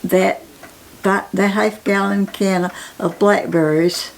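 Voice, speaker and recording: A woman in her nineties from Appalachia with a Southern Appalachian accent and an aged, gravelly voice, reminiscing casually in a halting, plain-spoken, repetitive way. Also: medium pitch, steady tone, slight background noise, low-quality recording. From Appalachia, United States. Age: 90s. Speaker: interviewee.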